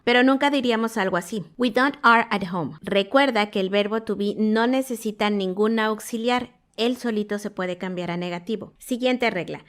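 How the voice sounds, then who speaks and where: Woman english teacher, steady clear explaining voice, reads out example lines. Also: medium pitch. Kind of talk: scripted online lesson.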